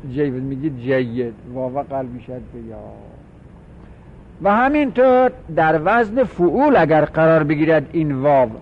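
A man teaching a grammar lesson, stretching out example words slowly and asking questions he answers himself. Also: fairly high pitch, very animated, slight background noise. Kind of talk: classroom lecture on grammar. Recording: dull lo-fi recording.

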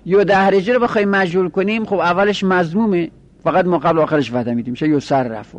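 Methodical male teacher, fairly high voice. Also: dry recording. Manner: methodical, repeats each rule. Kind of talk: lecturing on Arabic grammar.

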